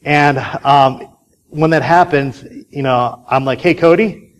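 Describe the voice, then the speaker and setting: A man's voice: medium pitch, steady tone, takes it slowly, low-quality recording. Chatty man telling a story on stage. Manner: chatty storyteller, many fillers and restarts. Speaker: conference speaker. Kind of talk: casual conference talk.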